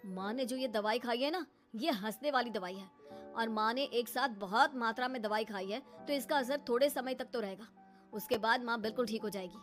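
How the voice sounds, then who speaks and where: A woman voicing a grown son and young husband in an animated story, reasoning and scolding calmly. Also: fairly high pitch, fairly quick, soft background music, natural voice.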